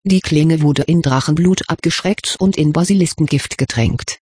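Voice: medium pitch, moderate pace, a little mellow, husky, no echo, studio quality, natural voice. A reader voicing a haughty, lecturing old male headmaster in a portrait, in an audiobook. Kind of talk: audiobook character reading.

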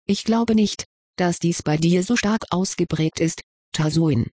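A reader voicing an old, wise male headmaster wizard who explains things calmly, in an audiobook reading. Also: mid-range voice, unhurried, no echo, clean studio sound, natural voice.

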